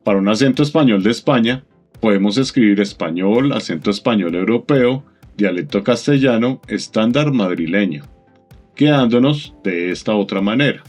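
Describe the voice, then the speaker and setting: Guy narrating a how-to voiceover, low-ish voice, steady and methodical, faint music behind. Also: normal speed. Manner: calm, methodical, instructive. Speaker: tutorial narrator. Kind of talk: scripted tutorial voice-over.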